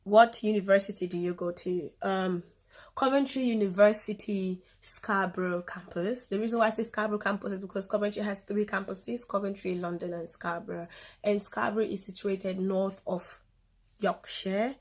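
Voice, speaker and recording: Speaking at a normal speed in a medium-pitched voice with fairly even intonation, a Cameroonian-accented vlogger in her twenties talks informally to her phone camera. She likes to repeat herself for emphasis in this casual chat.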